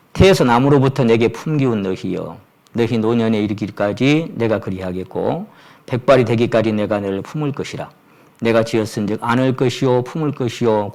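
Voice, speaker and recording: A middle-aged man preaching a Sunday sermon as pastor, reading scripture aloud and asking the congregation questions, his voice jumping up on stressed phrases. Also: darkish tone. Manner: emphatic, pitch rises sharply on stressed phrases.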